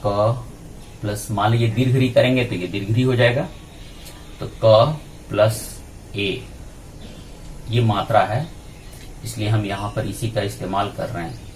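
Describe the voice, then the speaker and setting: A male teacher giving a grammar lesson, spelling out sounds one at a time in a slow, deliberate way. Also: lowish voice, fairly even intonation, slight background noise, low-quality recording. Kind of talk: grammar lesson explaining on a board.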